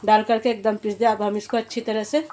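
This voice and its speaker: A woman's voice: mid-range voice, little pitch movement, quick pace, mellow, slight background noise. Homely woman demonstrating a home recipe. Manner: homely, repetitive, restarts often. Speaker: cooking channel host.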